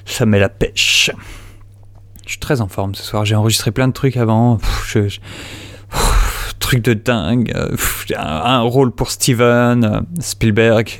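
A man's voice: medium pitch, measured pace, no echo. A man who voices characters, rambling and joking before a recording session. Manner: rambling, joking, full of filler. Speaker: amateur voice actor. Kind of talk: casual recording-session chatter.

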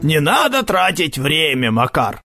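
A man's voice: sits high, sing-song, a little slow, gravelly, over music, voice pushed up, heavily acted. A man voicing a sly adult gang leader who mocks and wheedles in a syrupy tone for an audiobook. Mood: wheedling. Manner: mocking, wheedling. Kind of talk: audiobook character voice.

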